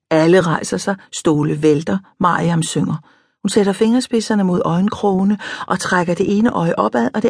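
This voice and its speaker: A woman narrating an audiobook in a calm, reflective first-person storytelling manner. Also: fairly low pitch, husky, dry recording, clean studio sound. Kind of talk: scripted narration.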